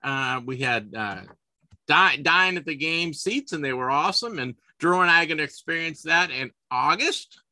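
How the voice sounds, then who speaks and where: Hosting a sports podcast, this man in his fifties talks at a normal speed in a chatty, animated way, frequently tripping over himself, restarting and repeating words. He has a bright, forceful, slightly high voice, and the close recording is dry with no room sound.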